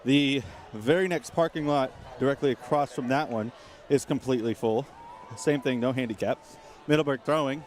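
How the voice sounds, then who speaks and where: A man doing casual play-by-play at a high school football game, out of breath and chatty, rambling between plays. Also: normal speed, darkish tone, slight background noise. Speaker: play-by-play commentator. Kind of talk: casual sports commentary. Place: outdoor football stadium.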